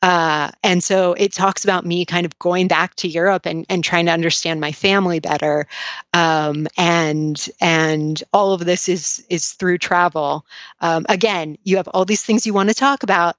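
A woman's voice: lowish voice, fairly even intonation, moderate pace, a bit bright, no echo. Woman, podcast guest, slightly slurred slushy s, chatty and self-deprecating, dull close dry recording. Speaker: podcast guest, author and blogger. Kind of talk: casual interview chat. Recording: dull lo-fi sound.

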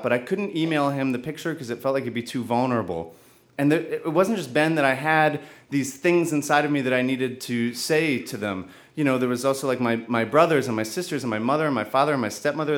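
A man telling a personal story live on stage, earnest and halting, with frequent restarts. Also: mid-range voice.

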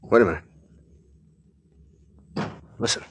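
An actor playing a tough, commanding American adventurer captain in 1940s radio drama, speaking in blunt, clipped phrases. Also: male voice, slow pace, lightly acted. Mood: brisk, searching. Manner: clipped, take-charge, blunt. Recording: noisy, crackly 1940s radio recording.

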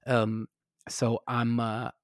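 A man's voice: mid-range voice, monotone, very slow, no room sound, studio quality. A man raised in the American South, telling stories in a casual chat, full of fillers and restarts. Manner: rambling with many fillers and restarts.

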